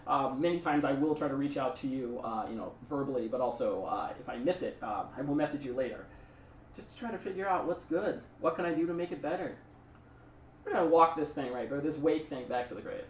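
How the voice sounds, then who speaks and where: A man's voice: medium pitch, expressive, brisk, reverberant, distant mic, a little hiss or hum. A man streaming a card game, talking through his plays in a rambling, chatty way and thanking subscribers. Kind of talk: casual live-stream commentary.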